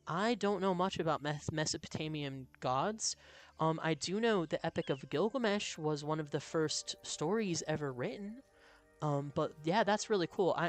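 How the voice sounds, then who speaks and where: Chatty game streamer over faint music. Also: mid-range voice. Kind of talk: casual live game commentary, reading chat.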